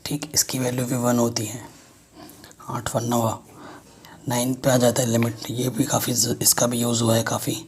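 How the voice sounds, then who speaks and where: A man's voice: medium pitch, completely flat delivery, moderate pace, a little mellow, a little hiss or hum. A man teaching a math lesson, explaining step by step and checking in with students often.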